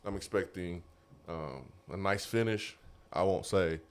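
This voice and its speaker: A man hosting a casual sports talk show, animated and quick to laugh. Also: low voice, clean tone. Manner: animated, laughing, drawn-out emphasis. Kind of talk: casual sports radio chat. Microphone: studio mic.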